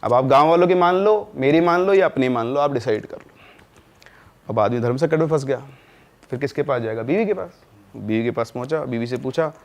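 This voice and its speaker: A man telling a spooky story in a casual, conversational way, with dramatic pauses. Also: mid-range voice. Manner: conversational, dramatic pauses, addresses listener as bhai sahab. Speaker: storyteller guest.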